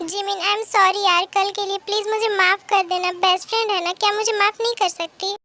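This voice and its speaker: A woman's voice: very high-pitched, fairly even intonation, normal speed, bright, forceful tone, slight background noise. A woman voicing a remorseful young man who apologetically pleads with his best friend. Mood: pleading.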